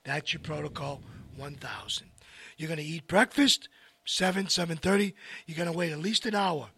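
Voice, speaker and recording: A man hosting a casual health talk, rambling and speaking straight to his viewers with lively asides. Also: on the high side, normal speed, vocal fry, slightly rough, no room sound. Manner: rambling, addresses folks directly, animated asides. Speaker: host.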